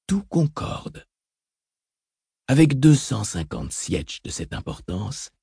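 A man reading a calm calculating advisor. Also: medium pitch, breathy edge, no echo, studio quality, full character voice. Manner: soft-spoken, reasoned and explanatory. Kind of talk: audiobook reading.

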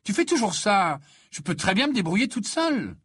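A man's voice: high voice, big pitch swings, moderate pace, fairly bright tone, breathy edge, no room sound, clean studio sound, voice pushed up, full character voice. A man voicing an irritated, proud teenage girl who snaps sharply. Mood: annoyed.

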